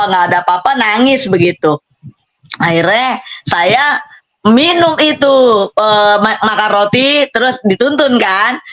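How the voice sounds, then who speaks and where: A woman's voice: medium pitch, a bit bright. A middle-aged woman, animatedly telling her own story in a casual spoken testimony and acting out the dialogue. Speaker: testimony speaker.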